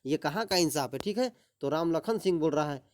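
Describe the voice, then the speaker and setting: A man's voice: fairly high pitch, lively intonation, brisk, no echo, clean studio sound. A man teacher who reads a play line by line and then explains each line plainly, with lots of fillers.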